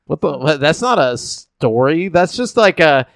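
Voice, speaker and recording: A man's voice: a little high, very animated, measured pace, gravelly, a bit bright, no echo, clean studio sound. A man co-hosting a gaming podcast, rambling and joking with swearing in casual chat. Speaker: podcast co-host.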